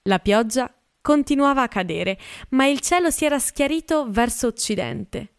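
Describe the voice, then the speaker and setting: A woman narrating a literary audiobook in a measured, expressive reading. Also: high voice, clear, resonant tone, no room sound, clean studio sound.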